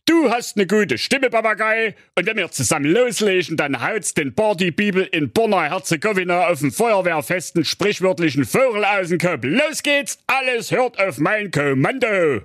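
A man's voice: high voice, expressive, normal speed, hardly any pauses, fairly bright tone, dry recording, clean studio sound. A man playing a bossy, hot-tempered male donkey who leads a band in a comedic radio play. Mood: exasperated. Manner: bossy, blustering.

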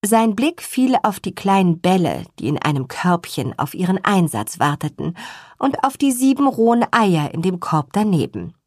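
A woman narrating a children's story with an expressive, measured reading style and a husky voice. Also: medium pitch, dry recording, clean studio sound. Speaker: audiobook narrator.

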